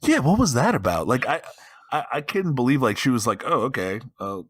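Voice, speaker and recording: A man in his thirties chatting as a podcast guest, animated and quick to laugh, on a close mic. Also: mid-range voice, breathy edge, no echo. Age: 30s. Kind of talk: casual chat.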